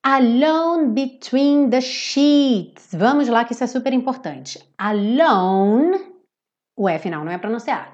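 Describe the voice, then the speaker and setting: Brazilian woman, English teacher on a livestream, fairly high voice, playful, stretches words out, dull lo-fi sound. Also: animated, a little mellow. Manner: playful, drawls out words slowly to demonstrate. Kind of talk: live-streamed pronunciation lesson.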